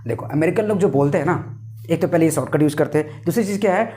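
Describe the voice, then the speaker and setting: A man's voice: fairly high pitch, quick pace, warm tone. A man teaching an English lesson online, explaining by asking and answering his own questions, with chatty joking asides.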